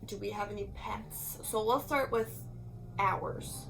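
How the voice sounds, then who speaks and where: A woman's voice: medium pitch, slow, gravelly, slight background noise, rough recording. A woman chatting casually with her fiancée in a tag video, playful and teasing. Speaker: vlogger. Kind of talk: casual chat. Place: home room.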